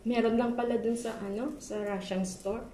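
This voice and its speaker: A woman's voice: on the high side, fairly even intonation, moderate pace, mellow. A woman in casual chat while cooking, giving practical instructions. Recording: echoey room, distant from mic, clear noise.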